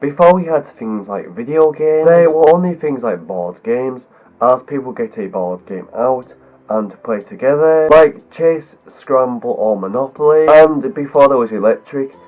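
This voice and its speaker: Speaking to camera from a script, this video host rambles through an explanation, piling one clause onto the next. He has a cold that deepens his mid-range voice, and his delivery is animated but unhurried. The recording is thin and tinny.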